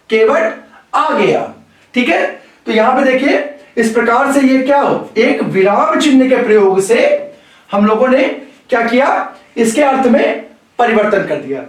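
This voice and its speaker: A man teaching grammar in a slow, deliberate lecture style, repeating key phrases for emphasis. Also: very high voice, distant mic. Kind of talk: classroom lecture. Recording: very echoey room, voice away from the mic.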